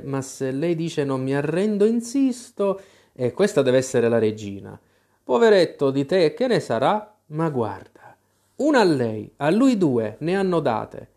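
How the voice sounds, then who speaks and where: Pompous king, muttering, raised pitch, animated, man voicing. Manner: muttering, self-satisfied. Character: pompous fussy old king, muddled judge.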